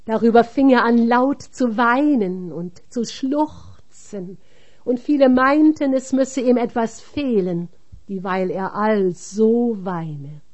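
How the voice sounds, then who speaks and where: A woman reading a religious text aloud, measured and solemn. Her pace is very slow and her voice dark and mellow. Each phrase is set apart with care. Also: a little high. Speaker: reader.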